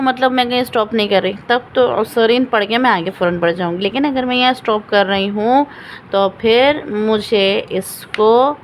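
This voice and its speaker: A woman teaching Quran recitation rules step by step, patiently repeating each example slowly and asking questions she then answers. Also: medium pitch, slight background noise, low-quality recording. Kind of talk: step-by-step Quran reading lesson.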